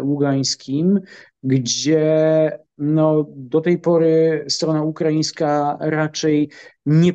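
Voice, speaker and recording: Answering an interviewer, a Polish military analyst in middle age chooses his words with care, hesitating and pausing with fillers throughout. He has a slightly high, mellow voice.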